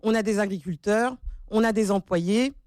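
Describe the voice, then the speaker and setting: A woman's voice: mid-range voice, moderate pace, darkish tone, no room sound, studio quality. A woman, a political candidate, answering questions in a radio interview, earnest and at times hesitant with fillers. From Senegalese heritage.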